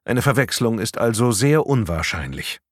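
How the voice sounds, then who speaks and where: Cool detective, dry questions, unhurried, read by a man. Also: medium pitch, sing-song, no room sound. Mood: probing. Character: calm probing male police detective.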